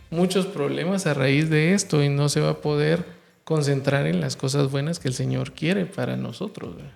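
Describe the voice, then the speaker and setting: Gravelly-voiced man co-hosting. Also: on the high side, a little mellow. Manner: explains with lists and asks "¿verdad?". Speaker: co-host.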